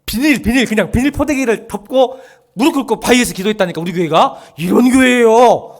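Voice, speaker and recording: Lively high-voiced pastor, jokes around with the congregation, suddenly yells, twang here and there. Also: male voice, fast. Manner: animated, joking with the congregation, bursts into shouting. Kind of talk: sermon. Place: church sanctuary.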